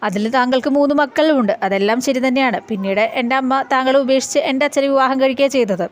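A woman's voice: high-pitched, fast talker, close to an everyday voice. A woman voicing a blunt teenage girl telling an older man he should leave the house. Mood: pointed. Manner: blunt, lecturing.

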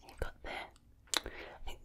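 A young woman hosting ASMR in a whisper, speaking intimately and affectionately to the listener, very close to the microphone. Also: slow. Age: young adult. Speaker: ASMR video host.

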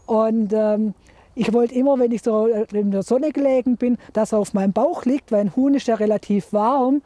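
A middle-aged woman, telling a lively story outdoors in a garden. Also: on the high side, normal speed, no echo. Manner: lively storyteller, imitates chick sounds. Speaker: interviewee. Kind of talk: documentary storytelling.

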